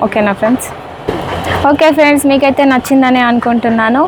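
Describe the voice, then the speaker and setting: Presenting a product in a relaxed unboxing demo, a vlogger with a Telangana Telugu accent talks quickly in a high, steady voice over a noisy background. She keeps addressing her audience as friends and checking in with them.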